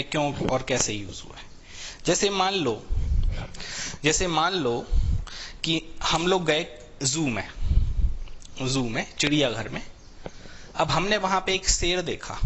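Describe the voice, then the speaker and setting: A man teaches a live English grammar class with a Hindi accent. He talks at a slow, deliberate pace in a somewhat high voice, spelling out example sentences one word at a time. A faint hiss sits under the recording. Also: a bit bright.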